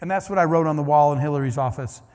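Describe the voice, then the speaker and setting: His voice sits on the high side and is a little mellow, and he talks at a rapid-fire clip. He's the keynote speaker in a large conference hall, telling anecdotes conversationally with restarts and asides, all under a long hall reverb.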